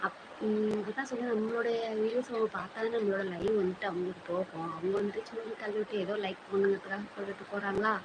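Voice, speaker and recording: A woman with a Thanjavur Tamil accent hosts a phone live stream at her usual pitch and talks in a chatty, rambling way. She teases her son off to the side. There is steady background noise behind her voice. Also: fast. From Thanjavur, Tamil Nadu. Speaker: channel host on a live stream. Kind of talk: casual live-stream chat. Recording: noisy home live-stream audio.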